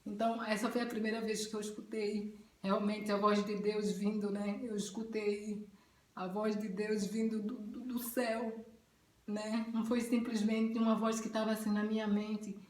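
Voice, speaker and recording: A woman's voice: mid-range voice, level tone, moderate pace, darkish tone. A woman, giving a heartfelt personal testimony in a casual spoken way. She talks earnestly and often ends phrases with a tag question. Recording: roomy echo.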